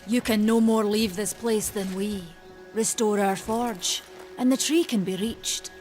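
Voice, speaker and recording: With game music playing behind her, a woman voices a stubborn, proud forge keeper who haggles in plain, old-fashioned speech. Her medium-pitched, darkish, natural voice moves a little slowly with fairly even intonation.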